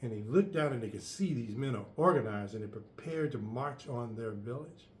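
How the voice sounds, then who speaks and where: A man's voice: moderate pace, slight background noise. Male host, mid-range voice, emphatic storyteller; roomy echo. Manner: lively storyteller, sudden pitch jumps, emphatic. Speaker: podcast host. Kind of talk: storytelling talk to listeners.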